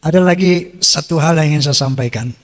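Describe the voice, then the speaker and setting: A man with a high voice delivers a sermon, his words ringing out with a long reverb tail as in a large hall. He recites Arabic verses, explains them plainly, and keeps asking questions that he answers himself. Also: fairly quick. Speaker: preacher.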